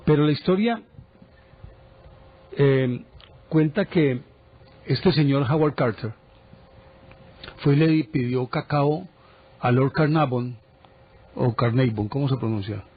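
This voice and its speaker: A man presenting a TV program, telling a history story casually with lively asides. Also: medium pitch, takes it slowly, pauses often, husky. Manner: animated storyteller, chatty asides. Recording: dull broadcast audio.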